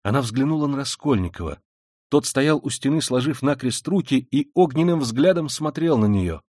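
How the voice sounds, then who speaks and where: A man narrating a literary audiobook with an expressive, dramatic delivery. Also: medium pitch, moderate pace, no echo, studio quality. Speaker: audiobook reader.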